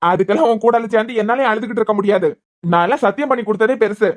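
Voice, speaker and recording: A woman doing a brisk teasing young husband. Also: a little high, natural voice. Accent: Kanyakumari Tamil. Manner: fast, bantering slang, stern at times. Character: young husband, a hospital head, teasing but devoted. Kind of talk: cartoon web series voice acting.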